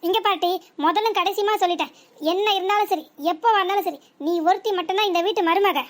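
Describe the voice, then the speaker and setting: A woman voicing a sharp-tongued old village mother-in-law in a cartoon, with a southern Tamil Nadu accent. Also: very high voice, fairly even intonation, fast. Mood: stern. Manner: scolding, mocking, dramatic.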